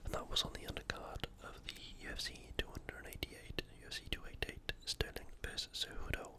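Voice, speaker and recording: A slightly fast, breathy, unvoiced whisper carries this ASMR host's informal sports preview, which is analytical and a touch hesitant.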